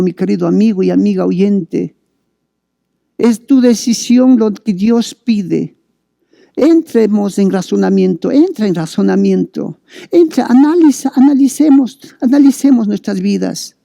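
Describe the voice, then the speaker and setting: A man's voice: high voice, a little slow, gravelly, mellow, no room sound, studio quality. A male preacher giving a sermon to listeners, urging them on with fervent, repeated calls. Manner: fervent, repetitive exhortation.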